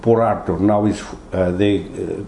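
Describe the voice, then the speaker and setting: Older man, Portuguese accent, halting broken English, low voice, roomy echo. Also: fairly even intonation, creaky, dark tone, a little hiss or hum. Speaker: interviewee. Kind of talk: oral history interview.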